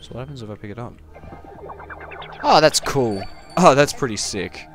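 A man giving goofy, casual gameplay commentary, talking to the game and breaking into sudden loud yelps. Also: mid-range voice, expressive, moderate pace. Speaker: gaming commentator. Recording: game music behind the voice.

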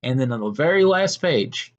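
Steady man telling a tall tale. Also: mid-range voice, normal speed, dull audio. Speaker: storyteller. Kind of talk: told story narration.

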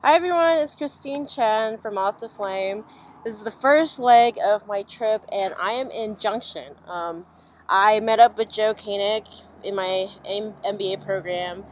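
In a rambling, casual travel vlog, a young woman talks at a moderate pace in a medium-pitched voice. She's both host and filmmaker, recording on a handheld camera at arm's length whose built-in mic yields noisy amateur sound.

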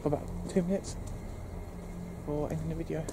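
A man's voice: a little high, steady tone, fairly quick. A young British man talking casually to viewers in a nervous, jumpy way as he walks outside with a handheld camera. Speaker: vlogger. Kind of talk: casual night exploring vlog, talking to viewers. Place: outdoors walking in woods at night. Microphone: handheld camera microphone. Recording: noisy outdoor handheld camera recording.

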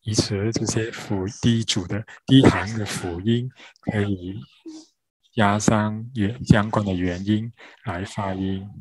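A man interpreting a grammar lesson, spelling out syllables one by one with frequent pauses. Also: fairly low pitch, steady tone, husky, low-quality recording. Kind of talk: slow spoken lesson.

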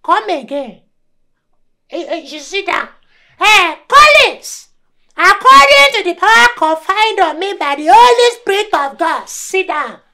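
A man acting a stern Nigerian prophet who gives slow, commanding orders and threatens curses in a gospel comedy drama. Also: very high voice, sing-song, pushed and bright, heavily acted. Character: stern male prophet demanding obedience.

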